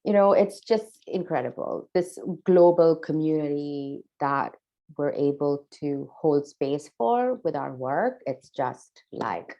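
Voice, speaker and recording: A woman's voice: low voice, animated, slow pace, muffled recording. A woman from a charity chatting casually and enthusiastically, with lots of fillers and restarts. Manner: enthusiastic, effusive, many fillers. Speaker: charity staff member. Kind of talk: casual conversation.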